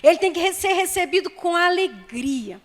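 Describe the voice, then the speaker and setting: A woman pastor with a Brazilian Portuguese accent preaches on a microphone, her voice set fairly high. She reads scripture and prays in a slow, emphatic cadence. The church sanctuary gives her words a long, lingering reverb. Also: expressive. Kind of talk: sermon. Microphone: handheld microphone.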